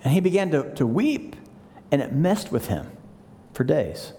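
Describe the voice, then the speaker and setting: A male pastor delivers a sermon in a casual, animated tone, stumbling and restarting as he talks. His voice sits notably high. A long hall reverb hangs behind him. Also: a little slow. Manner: conversational, animated, frequent restarts.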